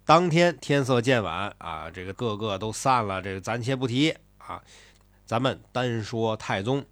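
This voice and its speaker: A man's voice: lowish voice, lively intonation, normal speed, fairly bright tone, dry recording. A man retelling a classic tale in a chatty, colloquial storytelling style with asides to the listener.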